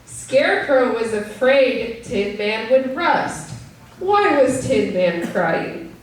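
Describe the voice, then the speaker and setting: Woman narrator for an amateur play, high voice, slow reading, distant echoey room with noise. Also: expressive. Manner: prompts performers between lines. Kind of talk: reading a story aloud to an audience. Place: performance room. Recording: echoey room from far off, noisy.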